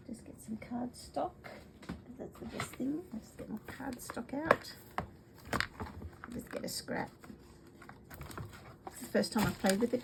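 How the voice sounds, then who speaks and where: With a cold-congested voice, a middle-aged Australian woman chats loosely about craft products she's demonstrating, rambling with ums and often sinking into a soft whisper. Her gravelly voice runs on the high side, and the recording is very noisy.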